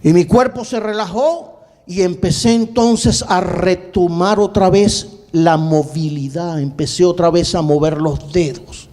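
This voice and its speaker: A male pastor telling a personal story in a sermon, dramatic, repeating words and swinging between quick bursts and slow, drawn-out phrases. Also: sits high, steady tone, darkish tone. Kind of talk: sermon testimony.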